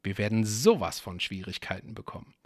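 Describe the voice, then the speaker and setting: An earnest, dutiful young prince who scolds his twin in a quiet, exasperated way, as a man reading a story puts him on. His voice has a gravelly rasp. The sound is close and dry, with no room echo. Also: lowish voice, lively intonation, fairly quick. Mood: scolding.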